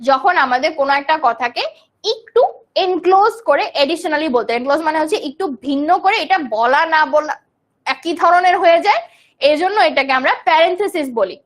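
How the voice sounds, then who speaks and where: Young woman, from Bangladesh, online English teacher, high voice, live class, answers student comments. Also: animated, brisk. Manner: explains terms in Bengali, reads student comments aloud.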